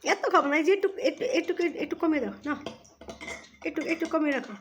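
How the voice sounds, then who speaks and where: A woman's voice: high voice, expressive, fast talker, a little hiss or hum. A woman vlogger chatting casually as she is served homemade sweets, fussing over the portions and praising the cooking. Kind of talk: casual chat while eating.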